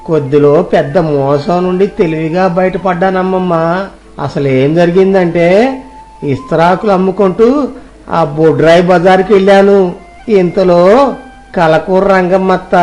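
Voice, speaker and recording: A man's voice: high-pitched, a little mellow, natural voice. A man voicing a naive, innocent young village lad in a cartoon story, speaking in a simple, eager way. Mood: excited.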